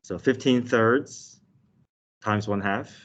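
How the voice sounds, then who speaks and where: This math teacher has a fairly low voice and takes it slowly, walking through the lesson step by step. He explains as he goes, often adding quick "okay" or "right" check-ins. Recorded indoors at a desk with a document camera, the online audio is dull and a bit muffled.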